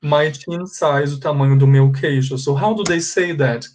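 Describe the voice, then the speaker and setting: A man's voice: a little high, unhurried, a little mellow. A man with a Brazilian Portuguese accent teaching an online English class, switching between Portuguese and English and patiently repeating the forms. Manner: explains patiently, repeats forms, checks with students.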